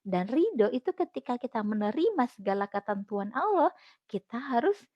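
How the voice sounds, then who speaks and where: Gentle, slightly high-voiced woman host. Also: big pitch swings, moderate pace, no echo. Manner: gentle and reflective, repeats phrases for emphasis. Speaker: host of a live Q&A, a kidney failure patient. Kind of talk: casual faith-based encouraging talk to viewers. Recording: dry, slightly dull lo-fi sound.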